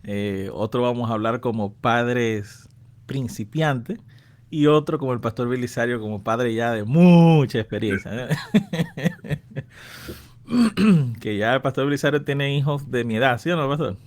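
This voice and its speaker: A man's voice: medium pitch, unhurried, long pauses. A man in his thirties hosting a Bible-lesson radio program, friendly and chatty, laughing often. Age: 30s. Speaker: radio host and pastor.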